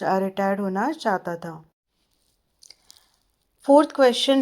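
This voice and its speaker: A woman teacher going through an English lesson, slowly reading questions aloud and then explaining them in quick Hindi to her students. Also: medium pitch, darkish tone. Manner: addresses students as children.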